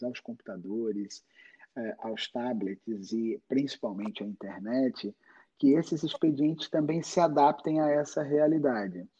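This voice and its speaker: Formal Brazilian man, mellow and slightly muffled. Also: mid-range voice, slightly rough. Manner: measured, formal, wordy. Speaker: podcast guest, environmental lawyer. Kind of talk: formal expert explanation in an interview.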